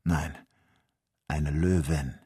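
A man voicing a bold, impatient male hunter in a storybook reading, speaking gruffly. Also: rumbling low, fairly even intonation, drawn-out words, dark tone, pitched below the performer's own voice, full character voice.

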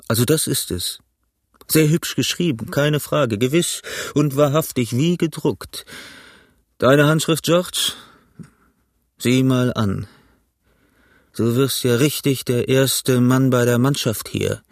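A man's voice: mid-range voice, no room sound, studio quality. A man voicing a sly, mocking old pirate cook in an audiobook, talking with jovial sarcasm. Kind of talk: audiobook character voice.

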